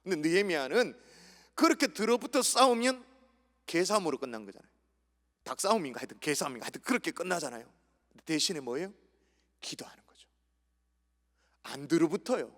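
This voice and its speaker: A man's voice: a little high, sing-song, fast, a bit bright, big-room sound. A male pastor preaching a sermon to his congregation, emphatic, asking questions and answering them himself. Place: church sanctuary.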